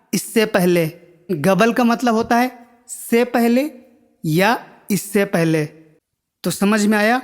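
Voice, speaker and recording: In a spoken language lesson, a man with a high-sitting voice teaches viewers vocabulary, patiently repeating every word and checking that they follow. The recording has a long reverb tail.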